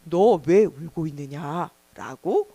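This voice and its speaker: A woman voicing an angel who gently asks a weeping woman why she cries. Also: low voice, lively intonation, takes it slowly, no echo, voice pushed down, full character voice. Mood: gentle. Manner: gentle questioning.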